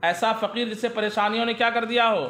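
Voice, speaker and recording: A man's voice: sits high, steady tone, fast talker, pushed and bright, roomy sound. A man teaching Arabic grammar in a classroom, reading the text and explaining it, often asking his students questions and answering them himself.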